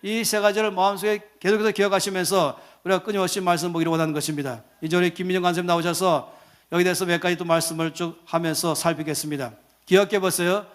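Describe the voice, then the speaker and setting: A man preaching a sermon, counting his points off in order. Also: sits high.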